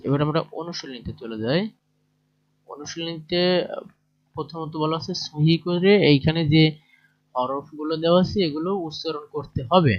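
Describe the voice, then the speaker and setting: A man's voice: fairly high pitch, moderate pace, pauses often. A man with a Bangladeshi Bengali accent teaching a lesson from a textbook. He explains each exercise in plain talk and checks in with his listeners. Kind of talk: lesson, reading through a textbook. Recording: dull lo-fi recording.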